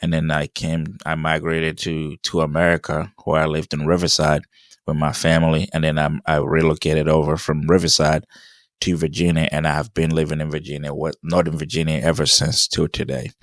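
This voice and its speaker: A man's voice: rumbling low, monotone, brisk, dry recording, clean studio sound. A young man, hosting a solo podcast in a rambling, hesitant way with many restarts and fillers. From Ghana. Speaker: podcast host.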